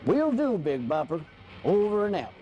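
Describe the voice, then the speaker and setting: Train engineer played by a man, folksy, cheerful, lively high voice, faint noise. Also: moderate pace, lo-fi sound, faint music behind. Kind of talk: radio chatter.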